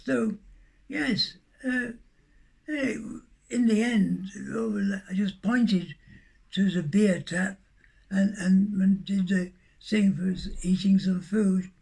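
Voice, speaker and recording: A man with a high voice and a gravelly, husky texture recounts a travel story. He speaks haltingly, restarting phrases and coughing now and then. He closes with a gentle blessing. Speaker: monk podcast host. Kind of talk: rambling anecdotal storytelling.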